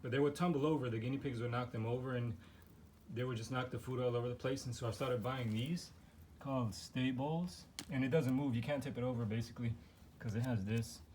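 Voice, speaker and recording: A man with a medium-pitched, fairly even voice talks a little fast, with a slightly mellow tone and slight background noise. He's a guinea pig owner who is losing his voice, rambling through a casual home vlog as he shows off his pets' setup in the living room, full of fillers and restarts.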